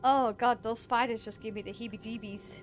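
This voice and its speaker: Woman gamer, high voice, chatty live-stream host, game music underneath. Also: steady tone, brisk. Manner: chatty, thanks viewers, shrieks when scared. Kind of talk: live gameplay chat.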